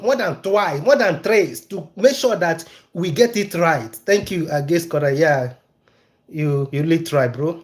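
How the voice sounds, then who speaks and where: A Nigerian man giving casual live-stream commentary, emphatic and repetitive, hammering his key phrases and stopping to greet and answer viewers in the chat. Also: high voice.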